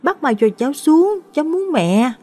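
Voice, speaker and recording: A woman's voice: very animated, moderate pace, mellow. A woman doing a whiny, frightened little boy. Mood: whining. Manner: whiny, pleading, high-pitched. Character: frightened four-year-old boy, possessed, whining.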